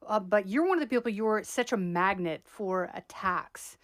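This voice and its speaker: A woman hosts a podcast interview, putting direct, probing questions to her guest. Her voice is mid-pitched and sounds close and dry, with no echo around it. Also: lively intonation, normal speed. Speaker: podcast host.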